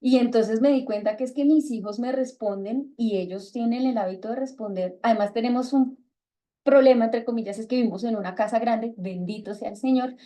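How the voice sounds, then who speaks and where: A woman's voice: a little high, brisk. A middle-aged woman with a Colombian accent leading a book club on a video call, talking casually and acting out bits of dialogue with a raised voice. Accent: Colombian Spanish. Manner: lively, acts out quoted dialogue in raised voice. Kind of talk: casual talk to a reading group.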